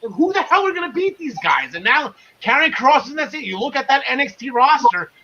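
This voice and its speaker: A man's voice: extremely high pitch, sing-song, brisk, bright, forceful tone, dull audio. A man hosting a casual wrestling podcast discussion, talking in an enthusiastic, rambling, slangy way. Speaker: podcast host.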